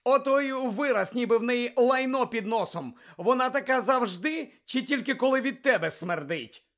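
A man voicing a brave, quick-tempered teenage schoolboy who fires back sharp retorts. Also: a little high. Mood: angry.

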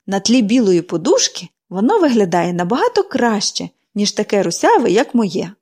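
A woman reader voicing a cheerful, chatty young girl who speaks brightly and eagerly. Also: medium pitch, big pitch swings, moderate pace, husky.

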